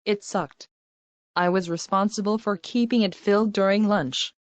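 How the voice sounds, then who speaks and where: A woman's voice: mid-range voice, fairly even intonation, moderate pace, dry recording. Blunt middle-aged woman, dry recording. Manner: blunt, matter-of-fact. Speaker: interviewee. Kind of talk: casual recollection.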